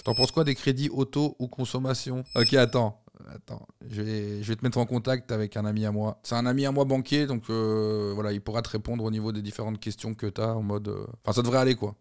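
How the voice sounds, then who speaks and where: A man's voice: on the low side, steady tone, brisk, few pauses, a little mellow, clear, resonant tone. A man streaming live, chatting casually, joking in slang and laughing at himself.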